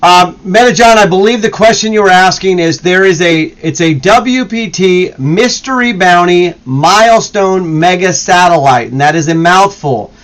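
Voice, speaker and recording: Stream host guy, chatty, explains stuff, a bit higher voice. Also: normal speed, hardly any pauses, fairly bright tone, low-quality recording. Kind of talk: casual chat on a live stream.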